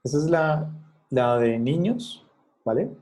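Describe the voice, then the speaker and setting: A man's voice: fairly high pitch, animated, takes it slowly, darkish tone. A man lecturing students over a video call, explaining step by step and checking in often with short questions. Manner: explanatory, checks in with frequent "¿vale?" and "¿sí?". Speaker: instructor. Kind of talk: online class lecture.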